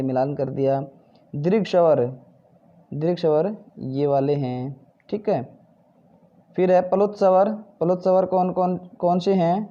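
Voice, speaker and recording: A man's voice: high-pitched, lo-fi sound. A male Hindi teacher patiently working through textbook exercises, asking questions and answering them himself. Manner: patient, repeats "ठीक है" and "भाई", asks then answers.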